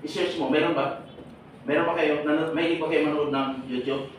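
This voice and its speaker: A man's voice: on the high side, fairly even intonation, moderate pace, recorded from a distance, slight background noise. A man speaking to a live audience, exhorting them with rhetorical questions and jokes. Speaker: seminar speaker and radio broadcaster. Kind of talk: lively speech to a live audience. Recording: echoey hall, voice off-mic.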